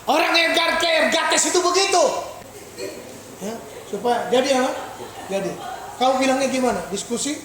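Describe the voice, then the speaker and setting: A man preaching a lively sermon as pastor, quizzing the congregation and breaking into shouted exclamations. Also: very high-pitched, moderate pace, long pauses. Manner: animated, calls out questions to the congregation. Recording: echoey hall with long reverb.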